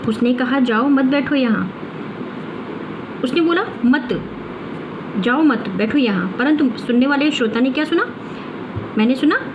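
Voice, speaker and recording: A woman teaching a grammar lesson, explaining step by step and answering her own questions. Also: fairly high pitch. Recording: muffled with clear background noise.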